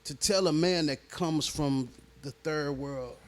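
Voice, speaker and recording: Man, rapper guest, relaxed slang-filled storytelling, voice a bit higher than most men. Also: slow. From born in Nigeria, raised in Houston, Texas. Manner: laid-back, slang-heavy, keeps checking in with the listener. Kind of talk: casual interview storytelling.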